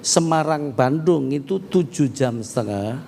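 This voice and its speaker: A middle-aged man preaching a sermon, telling stories with humor and swinging from quiet talk to loud, emphatic preaching. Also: mid-range voice, expressive, unhurried, gravelly, a little hiss or hum. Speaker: pastor. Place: church hall. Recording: reverberant hall with faint ambience.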